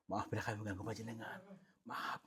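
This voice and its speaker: A man leading a paranormal investigation, talking in a hushed, polite, pleading way, often whispering. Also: medium pitch, unhurried, slight background noise. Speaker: ghost-hunting vlogger.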